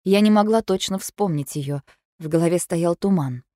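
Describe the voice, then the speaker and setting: A woman reading a first-person audiobook in a soft, subdued way. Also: lowish voice, moderate pace, no echo, clean studio sound. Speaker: audiobook reader.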